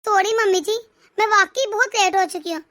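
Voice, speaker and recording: A dutiful young daughter-in-law in an animated story, voiced by a woman, speaking in a very high voice. Her tone is bright and polite but steady and firm. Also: brisk, no echo, clean studio sound. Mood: calm.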